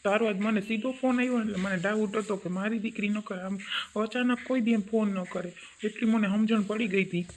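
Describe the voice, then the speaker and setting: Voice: mid-range voice, steady tone, quick pace, a little hiss or hum, lightly acted. A voice actor playing a caring middle-aged father who questions and reassures his crying daughter. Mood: reproachful. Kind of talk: Gujarati cartoon voice acting.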